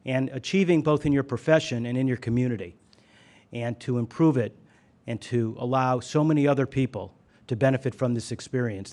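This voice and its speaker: A man's voice: mid-range voice, darkish tone. Man addressing a conference, full of fillers. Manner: hesitant, many "uh" fillers. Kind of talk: prepared speech at a podium.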